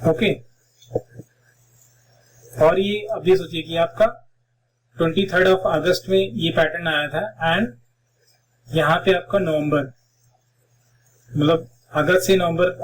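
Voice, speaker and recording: A man teaching a live online trading class, explaining step by step and mixing phrases into Hindi. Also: a little high. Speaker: trading instructor. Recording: distant mic with faint background noise.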